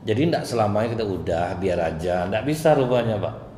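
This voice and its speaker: A man's voice: fairly low pitch, animated, fast, warm tone, slight background noise. A male preacher, telling stories in a sermon and often addressing the listeners directly. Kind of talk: sermon to a congregation. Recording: echoey hall, faint ambience.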